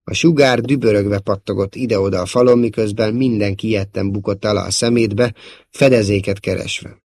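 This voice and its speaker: A man giving a steady, dramatic audiobook narration. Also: on the low side. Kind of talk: scripted narration.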